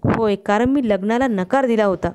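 A woman reading a story aloud, voicing a carefree, blunt male friend who speaks in a calm, level, unhurried way. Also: mid-range voice, clear, resonant tone, natural voice. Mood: calm, matter-of-fact.

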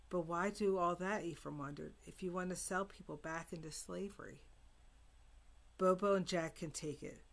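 Woman reading a novel aloud, gravelly. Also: low-pitched. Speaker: reader.

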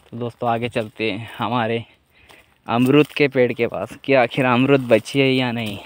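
A young adult vlogger with a clear, resonant, mid-range voice gives a chatty walking tour of his dry farm among trees. Holding his phone at arm's length outdoors, he talks to viewers as if they were friends.

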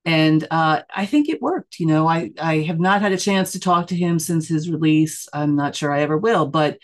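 A middle-aged woman from the United States speaks in a relaxed interview. She talks thoughtfully, restarting her sentences and filling the gaps with small fillers. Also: sits low, moderate pace. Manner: thoughtful, with many fillers and self-corrections. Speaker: church member and news editor being interviewed. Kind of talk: casual conversational interview.

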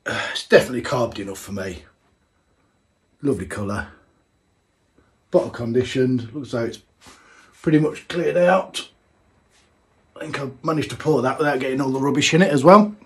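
A man with a mid-range voice tastes a homebrewed beer in a small home brewing room, chatting casually for a tasting vlog. He speaks at normal speed, pausing often and thinking aloud with plenty of fillers.

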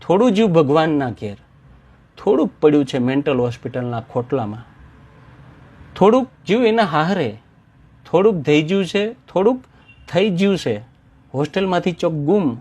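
Man doing a village oddball, fifties, Mehsani accent, blunt, slow deliberate couplets, slightly high. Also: darkish tone, husky. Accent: Mehsani Gujarati. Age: 50s. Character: mad-called village man in his fifties, calm and philosophical.

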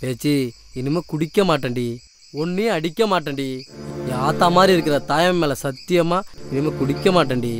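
A man's voice: extremely high pitch, normal speed. A man playing a quarrelsome drunken village husband, taunting and argumentative. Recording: film dialogue under loud music.

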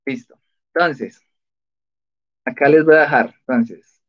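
This spelling quiz livestream host has a husky, medium-pitched voice and keeps a measured pace. He's chatty and laughs a lot while reading out answers in his casual quiz. The audio comes across dull and lo-fi.

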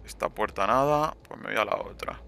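A man's voice: fairly low pitch, a little fast, creaky, bright, forceful tone, a little hiss or hum. A young man commenting live on his gameplay, swearing and taunting the other players.

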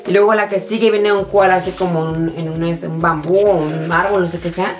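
A woman doing a casual shopping-haul vlog, chatty and excitable, talking straight to her viewers while tired. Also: fairly low pitch, brisk, faint music behind. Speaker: vlogger showing a shopping haul. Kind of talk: casual chatty product show-and-tell.

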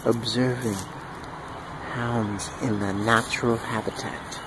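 A man narrating a home video in a hushed, mock-solemn wildlife documentary manner, outdoors in a yard. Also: mid-range voice, fairly even intonation, takes it slowly. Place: outdoors in a yard with chickens and dogs. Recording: outdoor noise with bird calls.

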